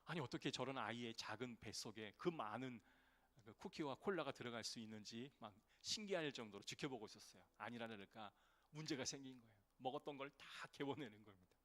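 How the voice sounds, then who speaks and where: Earnest pastor preaching in a reverberant church. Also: male voice, medium pitch. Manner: earnest, storytelling with emphatic swells and hushed drops. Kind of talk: sermon. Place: church sanctuary.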